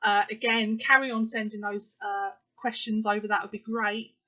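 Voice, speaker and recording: A woman's voice: medium pitch, flat delivery, normal speed, sharp tone. A woman, talking straight to camera in a casual vlog, emphatic and indignant, with plenty of fillers. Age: 30s. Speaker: vlogger. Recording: slightly muffled lo-fi recording.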